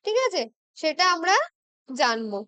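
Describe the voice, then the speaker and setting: A woman with a Bengali accent teaching an exam-prep English lesson, patiently checking in with her students and reading example sentences out slowly. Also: sits high, sing-song, bright, forceful tone, no echo. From West Bengal, India. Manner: patient, checks in with "ঠিক আছে?" constantly.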